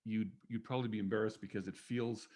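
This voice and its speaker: A man co-hosting a casual spiritual podcast, talking in a halting way with many fillers and restarts. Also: lowish voice, steady tone, a little mellow. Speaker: podcast co-host.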